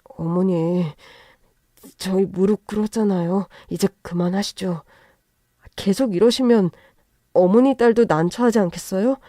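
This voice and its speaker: Smug spineless young husband, played by a woman, mellow dark tone, dry sound. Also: medium pitch, measured pace, long pauses, dry recording, close to an everyday voice. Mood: pleading. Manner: pleading, then smug.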